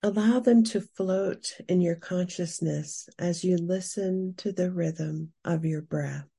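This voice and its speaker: Female meditation guide: hushed spa-style softness, breathy, on the low side, very unhurried. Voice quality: soft, breathy. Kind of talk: slow scripted narration and guided meditation.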